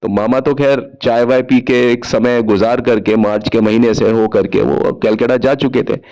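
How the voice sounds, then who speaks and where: A man's voice: mid-range voice, steady tone, normal speed, darkish tone, rough recording. A man hosting a talk show, telling a film-music story in a chatty way. He asks himself rhetorical questions and keeps adding asides that ask the listener to agree. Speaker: host.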